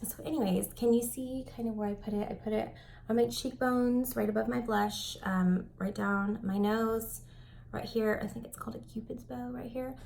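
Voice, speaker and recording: A young woman talks through a makeup routine at home in a loose, rambling way, full of fillers. Her voice has a gravelly fry at the ends of phrases. She often slips into soft, breathy whispered asides, over a faint background hiss. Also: a little high, steady tone, moderate pace. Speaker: beauty vlogger. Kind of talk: makeup tutorial chat.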